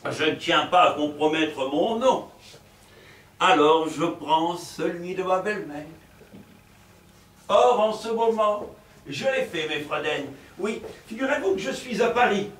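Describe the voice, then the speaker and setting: A male stage actor playing a fussy, lecherous middle-aged provincial professor in a live farce, with theatrical, excitable delivery and chuckling asides to the audience. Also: sits high, heavily acted. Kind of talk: live stage comedy performance. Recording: roomy stage sound from a distant mic.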